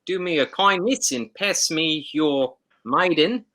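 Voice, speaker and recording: A man playing a tabletop game, speaking in a measured, formal way. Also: fairly high pitch, animated, sharp tone. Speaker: player. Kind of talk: tabletop role-play.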